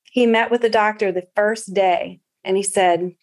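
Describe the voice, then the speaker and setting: A woman's voice: mid-range voice, fairly even intonation, unhurried. A woman guest recounting a family medical story in an earnest, heartfelt way, with frequent fillers and restarts. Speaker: interview guest, patient's wife. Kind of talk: personal storytelling.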